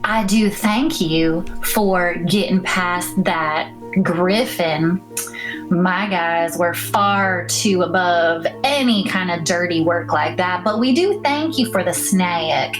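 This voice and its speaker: A woman's voice: fairly low pitch, slow, rough recording. Woman doing a bossy Southern vampire belle, music behind. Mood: bossy, impatient. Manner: folksy, scolding, exasperated.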